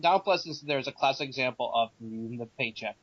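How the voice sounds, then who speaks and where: A man co-hosting a podcast, chatting in an animated way and laughing often. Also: medium pitch, fast, no echo. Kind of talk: casual podcast chat. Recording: muffled lo-fi podcast audio.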